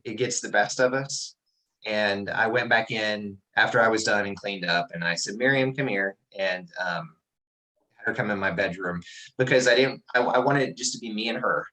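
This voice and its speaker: A middle-aged man teaching a class over a video call, telling a personal story in a relaxed, reflective way with many restarts. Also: lowish voice, rough recording.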